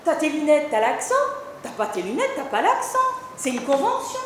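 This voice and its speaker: A woman's voice: high-pitched, big pitch swings, moderate pace, heavy reverb, a little hiss or hum. A woman playing an interviewer in a live comedy sketch on a stage, explaining patiently and teasing her partner. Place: stage at a resort show.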